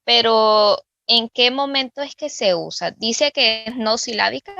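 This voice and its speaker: A woman's voice: a little high, a little slow, vocal fry, pushed and bright, no echo, dull audio. A woman student asking her teacher a question in an online class, hesitating and saying "este" as she searches for words.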